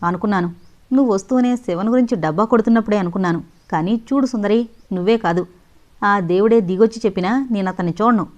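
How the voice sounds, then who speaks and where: A woman voicing a sharp-tongued, stubborn young woman who speaks sarcastically and firmly, in an audio novel. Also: medium pitch, moderate pace, lo-fi sound, lightly acted. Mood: stern, sarcastic. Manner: sarcastic, firm.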